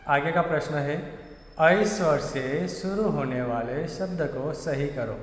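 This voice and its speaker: A male teacher with a Gujarati accent speaks slowly and patiently, spelling out syllables for young pupils. His somewhat high voice rings in a room with long, echoing reverb. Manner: patient, repetitive drilling of syllables. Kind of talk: slow primary-school lesson, spelling out vowel signs.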